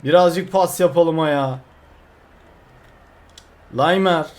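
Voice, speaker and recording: A young man commenting on his own football video game, getting frustrated and yelling at the players. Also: on the high side, takes it slowly. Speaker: gameplay streamer.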